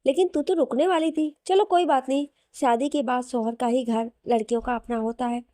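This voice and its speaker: A woman's voice: high-pitched, steady tone, fairly quick, no echo, clean studio sound, natural voice. A woman voicing an affectionate middle-aged mother who speaks dotingly. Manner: warm, doting.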